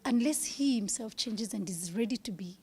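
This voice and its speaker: Husky woman, candid and earnest. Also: medium pitch, lively intonation, moderate pace, mellow. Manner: earnest, drops to a whisper at times. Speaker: interview guest. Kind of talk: candid interview chat.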